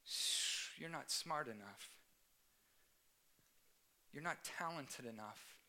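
A man's voice: medium pitch, expressive, slow pace, pushed and bright, full character voice. A man voicing a tempting inner voice of lies, taunting in short cutting phrases.

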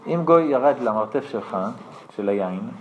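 A man, a rabbi, giving a storytelling lesson to an audience and acting out the people in his tales with lively changes of voice. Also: mid-range voice.

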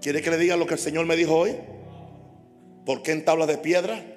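A man preaching a sermon as pastor, impassioned and repetitive, building up to shouts. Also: on the high side, fairly even intonation, fairly quick, in a large hall, soft background music. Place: church hall.

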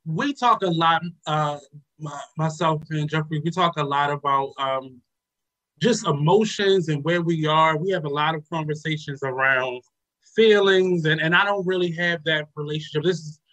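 A man hosting a talk radio show, speaking in a casual, reflective way with many pauses and fillers. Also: fairly high pitch, bright, forceful tone, rough recording. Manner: hesitant, many ums and uhs.

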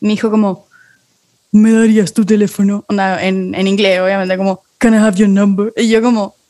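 A young woman with a Chilean accent, telling a story in casual chat with friends, quick and giggly. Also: medium pitch, flat delivery, a little mellow, no echo. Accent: Chilean Spanish.

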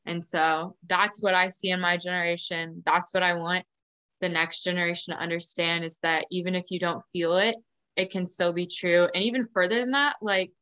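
A woman's voice: lowish voice, fairly even intonation, normal speed, pushed and bright, clear, resonant tone. A woman hosting a faith podcast, talking in an earnest, affirming way and laughing easily. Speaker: podcast host. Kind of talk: casual faith conversation.

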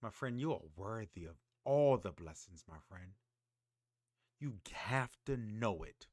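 A man's voice: fairly low pitch, expressive, unhurried, no echo, clean studio sound. A man hosting a motivational podcast, preaching emphatically and calling on listeners to repeat after him. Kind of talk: motivational monologue.

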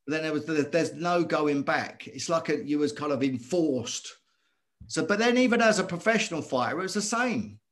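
A middle-aged man, a former boxer telling his story as a guest in earnest, animated talk that circles back on itself. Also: fairly high pitch, normal speed. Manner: earnest, animated, repeats himself. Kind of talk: conversational storytelling.

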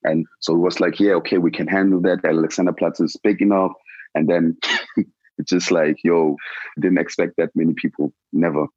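Low-voiced Ghanaian-born man, slangy and relaxed. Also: normal speed, no room sound, muffled recording. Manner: relaxed, slangy, many "like" and "yo" fillers. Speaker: protest organizer. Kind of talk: casual interview answers.

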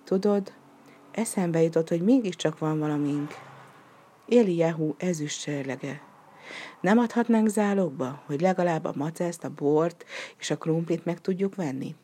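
A woman's voice: low-pitched, mellow, husky. A woman voicing a poor, worried wife who speaks sharply and with reproach in a storybook reading. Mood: hopeful.

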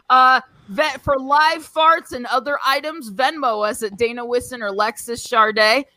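A woman's voice: a little high, fairly even intonation, normal speed, sharp tone, no echo, poor audio. A woman in her thirties hosting a crude comedy podcast, bawdy and self-mocking, giggling often. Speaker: podcast host.

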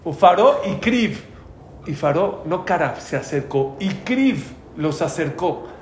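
A religious teacher, a man, tells stories to a class and puts questions to his listeners. His voice sits a little high and rings around the room. A faint hum of background noise lies under it. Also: animated, takes it slowly, echoey room. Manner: storytelling, asks the class questions, Hebrew terms. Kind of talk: storytelling class lecture.

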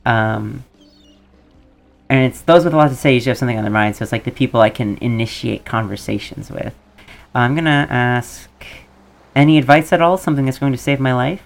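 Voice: medium pitch, fairly quick, vocal fry, soft background music. A game player giving casual, musing commentary and reading dialogue choices aloud.

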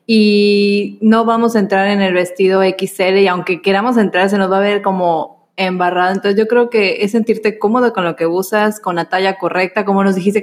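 Woman co-hosting podcast chat. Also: mid-range voice.

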